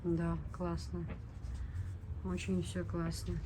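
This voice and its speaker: A woman's voice: on the low side, monotone, slow pace. A chatty woman vlogger talking casually as she shops and shows goods, often repeating herself. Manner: chatty, repetitive. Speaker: shopping vlogger. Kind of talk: casual shopping chat and showcase. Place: market shops. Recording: faint shop background noise. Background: faint ambient noise.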